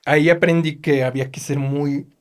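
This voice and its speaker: This race team chief mechanic, a middle-aged man with a Mexican accent, speaks at a moderate pace in a voice on the high side. Telling stories in a casual interview, he is animated and acts out other people's dialogue.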